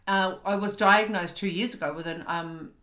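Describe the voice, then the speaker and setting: A woman's voice: mid-range voice, fairly even intonation, normal speed, a bit bright. A woman hosting a podcast from home, talking candidly and often stopping to search for words. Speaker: podcast host. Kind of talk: casual chat. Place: home, on a couch. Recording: roomy echo.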